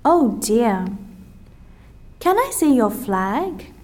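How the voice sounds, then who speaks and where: An Australian woman presenting a scripted language-lesson dialogue, speaking carefully and clearly for learners. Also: on the high side, sing-song, a little mellow. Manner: slow, carefully articulated, as if for learners.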